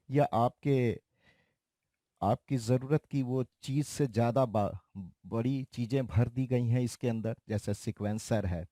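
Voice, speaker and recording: A man giving a slow, explanatory keyboard tutorial in a casual way, talking straight to his viewers. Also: mid-range voice, dark tone, no echo, clean studio sound. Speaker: keyboard teacher. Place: recording studio.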